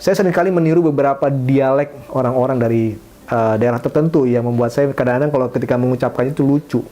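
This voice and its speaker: A man's voice: mid-range voice, fast, dark tone. A middle-aged man, a hypnotherapist, giving a parenting advice lesson with frequent fillers and restarts. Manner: fillers and restarts, acts out example phrases. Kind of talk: talking-head advice lesson.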